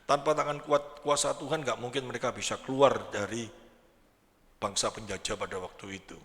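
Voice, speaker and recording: A man preaching an Easter sermon as pastor, lively and acting out the cries of the people he describes. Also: mid-range voice, moderate pace. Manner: animated, acts out quoted cries and asides. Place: church hall. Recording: long church-hall reverb.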